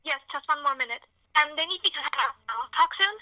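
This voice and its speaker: A woman playing a hurried, upbeat young heroine who calls her sister and is heard through a phone on speaker. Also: high-pitched, expressive, pushed and bright, no echo, full character voice. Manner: rushed, breezy, brushing off worry. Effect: heard over a phone speaker. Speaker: caller.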